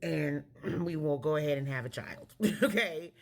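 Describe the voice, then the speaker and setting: A woman's voice: low-pitched, unhurried. Candid woman in her forties, reflective. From California. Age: 40s. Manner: reflective, candid, self-correcting. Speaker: vlogger. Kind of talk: personal storytelling vlog.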